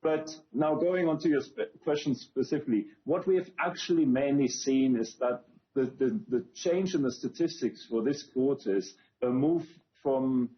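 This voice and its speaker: Thoughtful male policy specialist, mid-pitched, sober delivery; muffled remote-link sound. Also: moderate pace. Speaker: employment policy expert. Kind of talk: remote TV news interview.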